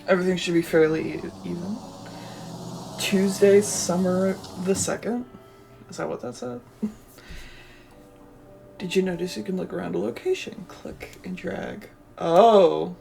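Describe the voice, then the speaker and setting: A woman's voice: lowish voice, measured pace, creaky, long pauses, mellow, soft background music. A woman streaming a cozy game playthrough, reading the on-screen text aloud and gushing with delight over what she finds. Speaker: let's play streamer.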